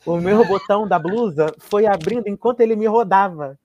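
A man's voice: high-pitched, brisk, lo-fi sound. A man, chatting casually and telling funny stories, laughing as he goes. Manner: animated, laughing storyteller with dramatic asides. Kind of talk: casual chat, storytelling.

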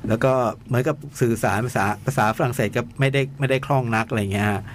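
A man's voice: medium pitch, steady tone, fast, slight background noise. A man co-hosting a casual film review chat, retelling a plot in a rambling way with many restarts.

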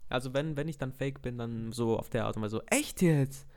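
A young man co-hosting a casual chat, relaxed and slangy, steering through the topic list. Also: medium pitch, quick pace, a crowd in the background. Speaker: podcast co-host.

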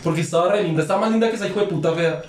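A man's voice: high-pitched, very fast, reverberant, a little hiss or hum. A young man telling a long story among friends, slangy and profane, acting out both sides of a quarrel. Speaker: podcast guest.

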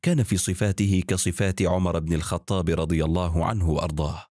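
A man narrating religious stories in a measured, even storytelling delivery. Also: deep voice, dry recording, studio quality.

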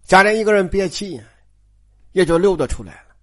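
A storyteller retelling a classic novel in a chatty, animated way, turning to the audience with asides and explanations. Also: mid-range voice, brisk.

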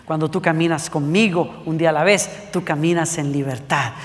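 A man voicing God as a calm, patient presence speaking quietly and lower to a young believer. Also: normal speed, long reverb tail, close to an everyday voice. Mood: calm, instructing.

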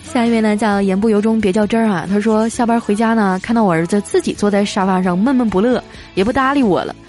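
A woman's medium-pitched, slightly mellow voice moves quickly as she hosts a show and reads listener jokes in a casual, playful manner, cracking up at the punchlines. Music plays faintly underneath.

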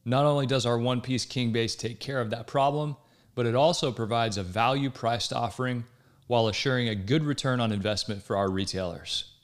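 A man's voice: medium pitch, fairly quick. A man reading a scripted industry news story, with an upbeat delivery. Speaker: news reader.

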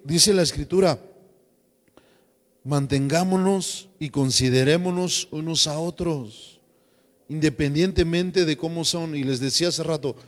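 Pastor preaching, bit high voice, jokey and lively, long church reverb. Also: male voice. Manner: lively, jokes and mimics slang voices. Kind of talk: sermon.

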